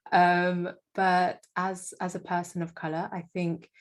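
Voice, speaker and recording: A young woman from Indonesia talks through her background as an interview guest. Her voice sits low with little rise and fall, and she often pauses on fillers and restarts her sentences. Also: level tone. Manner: hesitant, many fillers and restarts. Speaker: guest, freelance marketing manager. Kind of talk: casual interview.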